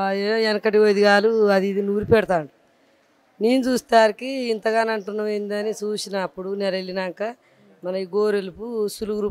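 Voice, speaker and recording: Telangana village woman telling what happened, plain and polite, smooth voice. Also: medium pitch, a little mellow. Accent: Telangana Telugu. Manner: plain, storytelling, addresses interviewer politely. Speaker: patient's wife. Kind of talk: casual interview.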